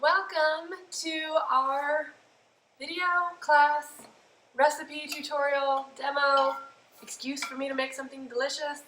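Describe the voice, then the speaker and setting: A woman with a slightly hoarse voice, hosting a live cooking demo in a chatty, bubbly way full of fillers. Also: high-pitched, little pitch movement, slow, fairly bright tone, roomy sound, slight background noise, rough recording. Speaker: cooking show host.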